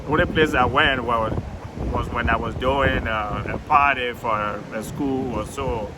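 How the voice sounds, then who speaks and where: An older Liberian man, a retired DJ, tells his life story in a relaxed interview, chuckling often and restarting phrases. He speaks with a Liberian accent in an unhurried, mid-range voice against a noisy background.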